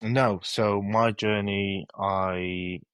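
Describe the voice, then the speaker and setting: A man in his thirties from Iraq, a guest chatting in a friendly, relaxed way from home over a video call. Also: lowish voice, extremely slow, smooth, no room sound. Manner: relaxed, friendly, laughs easily. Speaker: guest, dental implant company representative. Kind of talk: casual interview chat.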